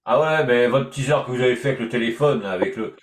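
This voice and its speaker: A man's voice: mid-range voice, fast talker. Chatty man in an echoey room. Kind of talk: casual radio interview.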